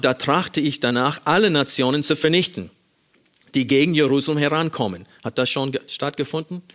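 A man's voice: medium pitch, a bit bright. A man giving a Bible-teaching sermon, reading verses aloud and explaining them, addressing his listeners with direct questions. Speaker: preacher.

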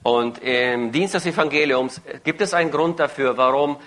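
Bright-voiced male sermon interpreter. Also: medium pitch, normal speed. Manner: follows phrase by phrase, occasional hesitations and self-corrections.

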